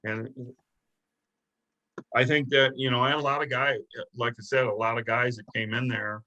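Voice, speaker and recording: A man's voice: medium pitch, level tone, moderate pace, sharp tone, poor audio. A middle-aged man, a deputy sheriff, telling stories in a casual interview, rambling and restarting often. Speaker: guest, deputy sheriff and investigator.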